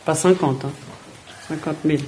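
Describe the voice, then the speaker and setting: A Swiss woman footballer, appearing as a guest, answers children's questions in a plain, friendly manner, often repeating words while she thinks. Her voice is low and mellow, with fairly even intonation and normal speed, and there's a little hiss or hum.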